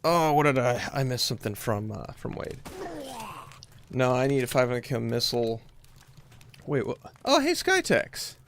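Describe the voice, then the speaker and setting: A man streaming a video game with his friends, chatting loosely and laughing easily. His voice has a gravelly, fry-tinged texture at an average pitch. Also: normal speed, pauses often, a little hiss or hum. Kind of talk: casual gaming chat.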